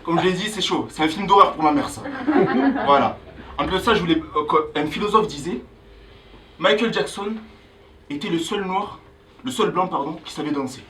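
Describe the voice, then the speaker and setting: A young man from Angola doing a stand-up comedy set on a club stage, loudly hyping the crowd between jokes. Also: on the high side, normal speed, pauses often, far from the mic, a little hiss or hum, low-quality recording. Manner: animated, hyping the crowd with loud calls. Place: comedy club stage before a live audience.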